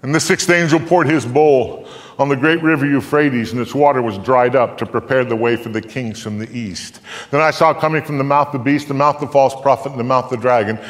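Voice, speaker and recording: An older man stands on a theatre stage and recites scripture to a live crowd as theatrical storytelling, his delivery solemn, measured, and forceful, building from hushed tones to booming ones. Long reverb fills the echoing hall.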